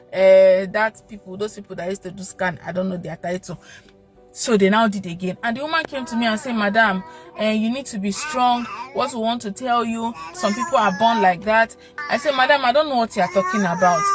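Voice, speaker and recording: A young woman with a Nigerian accent gives a heartfelt testimony in church, calling the pastor papa. Her voice sits a little high and swells toward shouting and tears. Soft music plays faintly behind her. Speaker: testimony giver.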